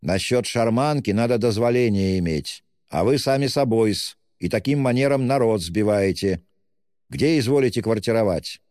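A man's voice: on the low side, moderate pace, darkish tone, big-room sound, voice pushed up, close to an everyday voice. A man voicing a stiff, officious male street policeman in an audiobook, speaking with servile formality.

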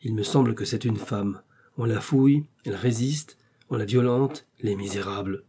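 Hot-headed and bold, this young swordsman barks orders with urgency, as a male narrator puts him on. The voice stays mellow and slightly husky. It is a classic adventure storybook read. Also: lowish voice, normal speed. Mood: indignant.

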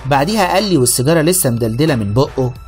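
A man with an Egyptian accent narrates a radio drama in the first person, telling his tale with a wry, lively edge. He moves at a quick clip over faint music. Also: medium pitch.

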